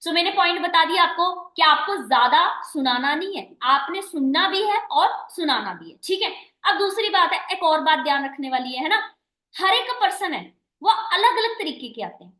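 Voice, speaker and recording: A woman's voice: very high-pitched, lively intonation, normal speed, sharp tone, roomy sound. A woman manager giving a recorded training meeting, coaching her team and checking in often with "right?" and "okay". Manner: coaching, repeats "ठीक है" and "है ना" often; addresses listeners as dear and guys. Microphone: online meeting recording.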